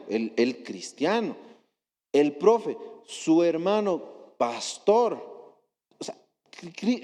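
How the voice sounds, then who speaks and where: A young adult man with a Bolivian Spanish accent, preaching a sermon and telling stories with rhetorical questions. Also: a little high. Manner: storytelling with rhetorical questions, animated quotes. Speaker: lay preacher. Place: church hall. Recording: long church reverb.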